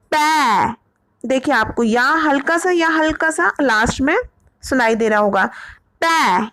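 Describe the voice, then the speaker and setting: Woman, teacher, high voice, dry close sound, patient step-by-step lesson, keeps asking "okay?". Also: fairly bright tone, dry recording. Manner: slow, repetitive, checks with "okay?". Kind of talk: explaining to parents.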